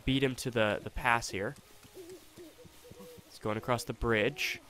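A young man giving casual gameplay commentary, chatty and thinking aloud, with excitable reactions. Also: mid-range voice, a little slow. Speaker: let's play host. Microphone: desktop USB condenser mic.

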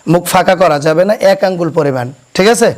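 A man teaching children to pronounce Arabic letters, explaining slowly and quizzing his pupils so they repeat after him. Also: high voice, slight background noise. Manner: asks questions and has pupils repeat; slow, deliberate explanation. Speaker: Quran teacher. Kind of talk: classroom recitation lesson. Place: madrasa classroom.

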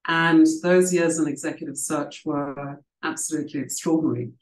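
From home, over a video call with roomy audio, a middle-aged woman raised in South Africa shares her career story at a book festival. An author and leadership coach, she has a low-pitched, steady voice at a moderate pace, and her reflective, chatty telling includes frequent ums and restarts.

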